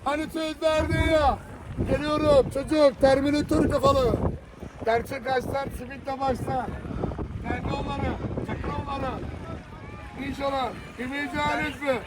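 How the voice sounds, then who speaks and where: A man's voice: very high voice, fairly even intonation, normal speed. A middle-aged man from Thrace with a Thracian Turkish accent, a beach simit seller who calls out teasing, joking sales lines and talks about his work. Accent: Thracian Turkish dialect. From Thrace, Turkey. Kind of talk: street hawking and short interview. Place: outdoors on a beach. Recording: outdoor wind noise on the mic.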